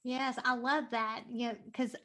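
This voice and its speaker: High-voiced upbeat woman podcast host. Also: level tone, unhurried, fairly bright tone. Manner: enthusiastic, affirming.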